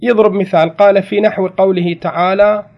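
A man's voice: sits high, steady tone, brisk. A man with an Iraqi Arabic accent teaching a grammar class, who reads a set text aloud and then explains it in conversational dialect. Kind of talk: recorded classroom lesson. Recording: dull lo-fi recording.

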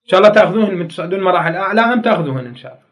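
A male teacher with an Iraqi Arabic accent lectures a class on grammar in a high-pitched voice. His delivery rises and falls widely, full of animation. He drives each point home by saying it twice and asking the students questions. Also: animated, rapid-fire. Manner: explains by repeating key phrases, asks students questions.

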